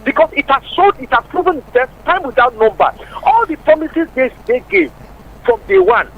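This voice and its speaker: A man's voice: extremely high pitch, animated, normal speed, creaky. Emphatic man over the phone. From Nigeria. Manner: emphatic, asks rhetorical questions. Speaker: radio call-in caller. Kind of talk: call-in political commentary. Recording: muffled phone line with faint hiss.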